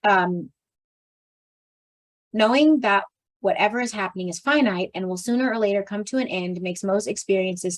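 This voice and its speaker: A tired woman, her medium-pitched voice strained from much talking, reads a nonfiction book aloud to a book club. She occasionally clears her throat and restarts phrases she stumbles on, and the audio quality is poor.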